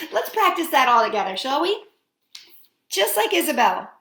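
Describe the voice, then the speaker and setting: Reading a picture book to small children, a storytime host speaks in a high voice edged with vocal fry, savoring the drama with big swings of pitch. She moves slowly, stretching words and pausing theatrically, while a roomy echo hangs around her.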